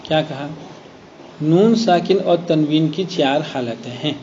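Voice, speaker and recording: A man teaching a Quran recitation class. He explains slowly, draws out the example words and checks that students follow. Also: a little high, mellow. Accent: Gujarat Urdu. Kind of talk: classroom lesson. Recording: dull lo-fi classroom recording with faint noise.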